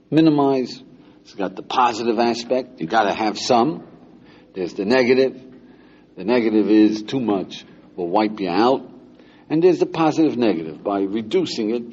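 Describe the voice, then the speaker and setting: Older rabbi lecturing in a teasing way. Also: male voice, on the low side, dark tone, breathy edge. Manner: conversational, teasing, asks listeners questions often. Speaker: rabbi teaching a class. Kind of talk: informal lecture to students. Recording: dull lo-fi lecture recording with faint hiss.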